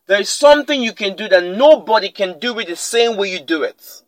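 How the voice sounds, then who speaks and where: A man with a high voice gives a motivational podcast talk and leans hard on his main points, often saying them twice. The sound is close and dry, with almost no room around it. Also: expressive, brisk, no room sound, poor audio. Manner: emphatic, repeats key lines for effect. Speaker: podcast host.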